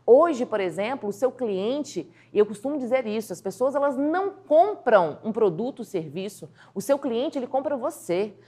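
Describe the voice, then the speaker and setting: Animated woman coaching. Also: a little high, normal speed, few pauses. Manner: animated, acts out little scenes in quotes. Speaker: communication coach. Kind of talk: lively video lesson.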